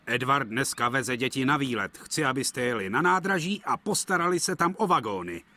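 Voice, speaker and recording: A man's voice: medium pitch, lively intonation, bright, forceful tone. A man voicing a cheery, commanding stout railway boss in a cartoon dub.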